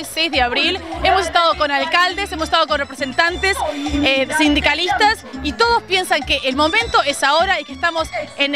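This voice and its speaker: A woman reporting on camera from an outdoor rally, speaking clearly and deliberately into a handheld mic. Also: sits high. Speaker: TV reporter and host. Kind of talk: field reporting.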